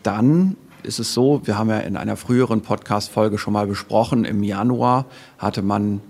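Expert guest, male, lowish husky gravelly voice, measured and careful. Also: a little mellow. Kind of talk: podcast interview, explaining data.

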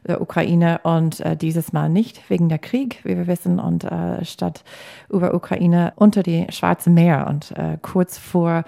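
An American woman who speaks German as a learned language, talking about her work as an election observer in a casual, halting way with many fillers. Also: fairly low pitch, steady tone, vocal fry, warm tone. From United States. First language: English. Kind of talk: casual conversation. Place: Hamburg.

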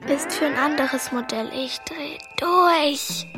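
An excitable, know-it-all young girl in a children's radio play. Her earnest voice is fairly high and takes its time, with faint music behind. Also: takes it slowly. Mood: frantic, hushed.

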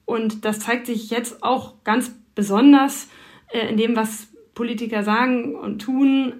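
Higher-voiced woman explaining at length. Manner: thoughtful, explaining at length with frequent fillers. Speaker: foreign correspondent. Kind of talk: explanatory interview answers.

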